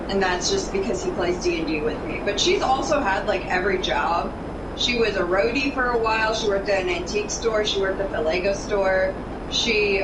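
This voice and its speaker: Heard from a distance in a very noisy, echoey room with music playing, a young woman with a mid-range voice rambles through a casual story while gaming. She swears and gets sidetracked easily.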